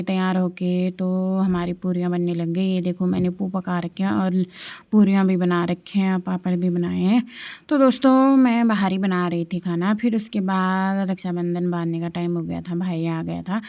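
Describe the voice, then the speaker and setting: A young adult woman from the Indian hills speaks in a fairly low, steady, dark voice at normal speed. As a vlogger narrating a casual family vlog, she chats with her viewers, showing and explaining things as she takes them through a family day.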